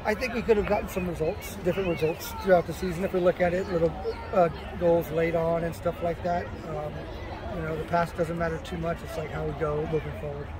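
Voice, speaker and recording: High-voiced coach over stadium crowd. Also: male voice, fairly even intonation, brisk. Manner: casual, repeats words, many "you know" fillers. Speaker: soccer coach at a postgame press conference. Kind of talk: postgame press conference answers. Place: outdoors at a stadium after a match. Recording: outdoors with crowd noise behind.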